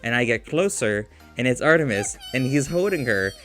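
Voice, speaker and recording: A man talks to the camera in a loose, rambling vlog monologue. His voice sits in an ordinary middle register. He keeps breaking off and restarting his sentences as he works through a personal, emotional story, with soft music playing faintly underneath. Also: mid-range voice, lively intonation, normal speed. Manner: rambling, self-interrupting, emotional. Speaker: vlogger.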